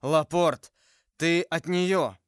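A man voicing a proud, arrogant nobleman who speaks in slow, raised, indignant outbursts. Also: fairly high pitch, clear, resonant tone, no echo, studio quality, pitched above the performer's own voice. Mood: weak, dying.

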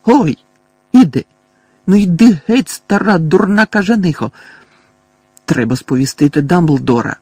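A man's voice: fairly high pitch, lively intonation, slow, gravelly, a little mellow, slightly rough, no room sound, heavily acted. A man reading an audiobook voices a cowardly, scruffy petty thief who mumbles, stammers and whines. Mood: panicky.

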